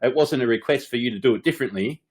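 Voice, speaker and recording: This middle-aged man co-hosts a laid-back podcast, where he rants and vents with constant cursing and laughter. He speaks at a racing pace in a mid-range, slightly mellow voice that carries a breathy edge.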